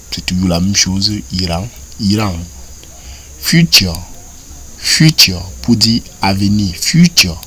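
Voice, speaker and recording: A man with a Cameroonian French accent teaching English, repeating each word several times in a slow drilling cadence. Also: on the low side, bright, forceful tone, husky. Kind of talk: French-language vocabulary and grammar lesson.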